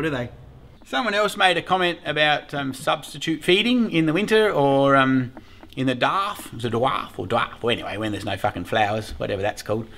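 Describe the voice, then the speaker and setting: A man's voice: a little high, sharp tone. Chatty, profane Australian man. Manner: chatty, cheerfully profane, rambles with frequent laughs. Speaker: beekeeping vlogger. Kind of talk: casual rambling vlog talk. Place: by an observation hive.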